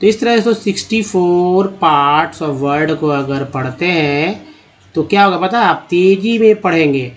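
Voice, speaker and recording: A man teaching reading, sounding words out slowly, syllable by syllable, and explaining in Hindi between the words. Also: high-pitched, expressive, poor audio. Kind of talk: slide-based reading lesson.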